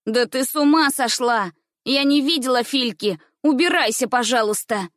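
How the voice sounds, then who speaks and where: A woman's voice: lowish voice, lively intonation, a little slow, no room sound. A woman voicing an agitated twelve-year-old girl who hotly denies blame, in a dry recording. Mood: indignant. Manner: agitated, indignant.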